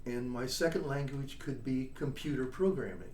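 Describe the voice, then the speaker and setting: Speaking at normal speed in a medium-pitched, slightly mellow voice, an older man shares stories as a guest in a casual interview. He's a trombonist and composer and a chatty raconteur who punctuates points with "you know?" and "all right?". Recorded in an echoey room on a distant mic, with faint noise.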